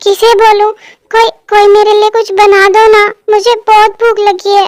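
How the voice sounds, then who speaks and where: A woman's voice: very high-pitched, little pitch movement, normal speed, no echo, clean studio sound. A woman voicing a grown woman in a clingy, childlike little space, whining and stammering in an amateur fan dub. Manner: whiny, stammering childlike pleading.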